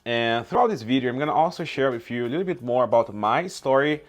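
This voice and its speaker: A Brazilian man whose first language is Portuguese hosts a YouTube channel, chatting informally outdoors and often checking in with "okay?" and "right?" His medium-pitched voice is expressive and he talks at a quick pace.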